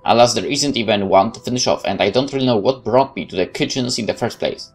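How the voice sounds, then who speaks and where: A gaming YouTuber with a mid-range voice talks fast as he does a let's play. He reads a visual novel's narration aloud, tossing in wry, casual commentary while game music plays behind him.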